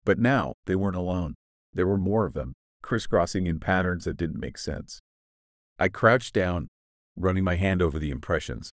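A man with a very low, deep voice tells a horror story in the first person, grave and full of suspense. The recording is close and completely dry, with no room sound at all. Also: moderate pace, no echo. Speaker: narrator.

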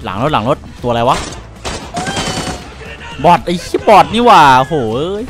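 A gaming streamer with a fairly high, unhurried voice offers casual, crude, joking commentary while playing a shooter, faint music in the background. He's excitable, trading crude banter and breaking into song and jokes mid-fight.

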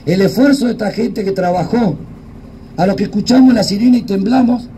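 High-voiced older Argentine man, emotional ceremonial speech. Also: mellow, rough recording. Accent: Argentine Spanish. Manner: solemn, emphatic oratory with deliberate pauses. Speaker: war veteran giving a speech. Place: outdoors in a yard before a small gathering. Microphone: microphone on a stand at a podium, PA speakers. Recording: outdoor PA speech with clear background noise.

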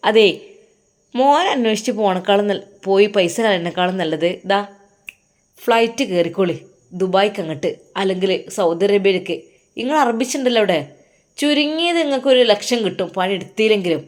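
A woman voices a scheming, sharp-tongued wife who scolds and taunts in Malappuram Malayalam. She comes across higher and louder than the narration, with biting, mocking lines. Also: lively intonation, brisk, natural voice.

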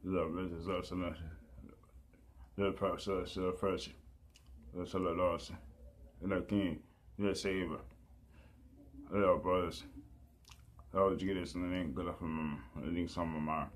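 Male preacher, deep and monotone, halting repetitive prayer style, lots of fillers.

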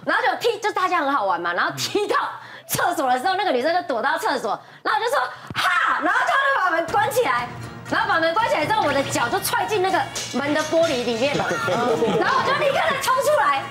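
A middle-aged woman on a TV studio panel, telling a story in casual chat. She is animated, acts out the voices she quotes, and laughs often. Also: very high-pitched, fast talker, music in the background, crowd noise.

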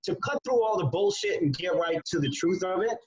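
Chill sweary guy calling in from his kitchen, kinda high voice, muffled lo-fi sound. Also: sing-song, brisk. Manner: laid-back, profane, says man a lot. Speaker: guest. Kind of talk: casual chat. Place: home kitchen.

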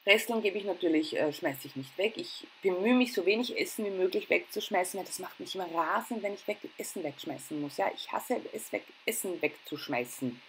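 A middle-aged home and cooking vlogger with an Austrian accent narrates her daily household routine in a lowish, lively voice. She talks a little fast with hardly any pauses, chatty, informal and self-deprecating, while background noise comes through clearly.

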